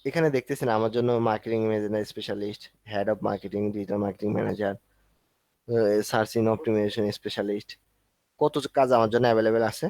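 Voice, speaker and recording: A man's voice: lowish voice, fairly even intonation, normal speed, darkish tone, no echo. A man teaching an online class, explaining step by step in a conversational way while walking through a screen. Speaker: instructor.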